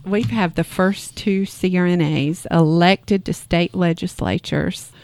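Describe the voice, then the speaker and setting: An enthusiastic woman with a New York accent co-hosts a chatty conversation. Her voice sits on the low side, recorded dry and close. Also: a little slow, a little mellow, dry recording. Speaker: podcast co-host. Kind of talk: casual chat.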